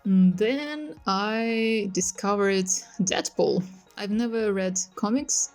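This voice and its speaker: A young woman from northeast Russia with a Russian accent, talking casually over a speedpaint video, unhurried, with pauses and fillers. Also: medium pitch. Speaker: artist. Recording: music playing softly behind. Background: faint music.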